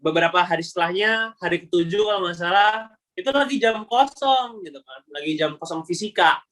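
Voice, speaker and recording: A young man giving a casual webinar talk, slangy and animated, acting out the voices of people in his story. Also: high voice, a little fast. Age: young adult. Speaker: webinar speaker.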